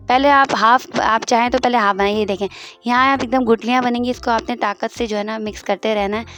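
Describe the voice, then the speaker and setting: A woman hosting her own cooking channel, walking through a home recipe step by step and repeating instructions as she stirs. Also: mid-range voice. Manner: homely, repetitive step-by-step instructions.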